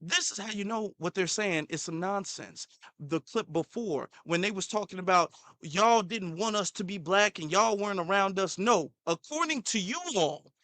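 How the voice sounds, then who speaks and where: A man's voice: sits high, expressive, normal speed, few pauses, pushed and bright, no echo. A man hosting a commentary channel, reacting to a clip in a heated, repetitive way, sometimes stumbling over his words.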